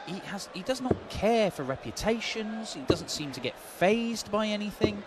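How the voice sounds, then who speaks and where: A man's voice: high voice, animated, normal speed, over a noisy crowd. A man giving conversational, opinionated and emphatic live darts analysis as co-commentator. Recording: loud venue noise behind the commentary.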